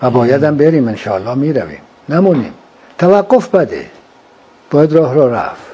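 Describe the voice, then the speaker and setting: A man's voice: mid-range voice, sing-song, warm tone, slightly rough, dull audio. A man in a philosophical conversation, probing with short leading questions. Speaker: interviewer.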